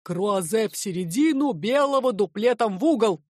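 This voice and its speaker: A woman's voice: medium pitch, lively intonation, normal speed, no room sound, studio quality, natural voice. Woman doing a sentimental old nobleman. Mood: wistful. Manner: declaiming, rising to a shout. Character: aging nobleman, sentimental and long-winded.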